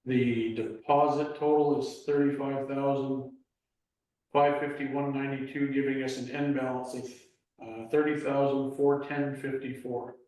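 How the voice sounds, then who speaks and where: A man giving a club treasurer's and trail report at a meeting, reading figures slowly with many fillers. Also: mid-range voice, flat delivery, a little mellow. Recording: echoey room, mic far off.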